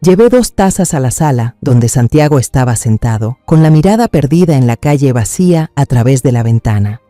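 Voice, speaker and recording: A man narrating a family drama in a measured, somber, suspenseful way. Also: medium pitch, lively intonation, dark tone, no room sound, faint music behind.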